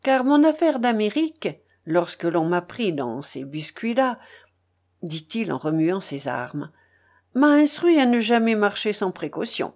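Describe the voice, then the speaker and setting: A ferocious pirate, arrogant and mocking, speaks with slow, cold menace , as a woman reads him. His tone rises and falls in a lively way, full of contempt. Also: medium pitch. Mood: sneering.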